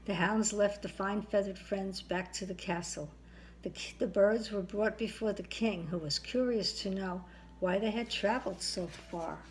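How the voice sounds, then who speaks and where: A woman's voice: mid-range voice, normal speed, faint music behind, rough recording. A sweet older woman, grandmotherly, narrating a children's story aloud.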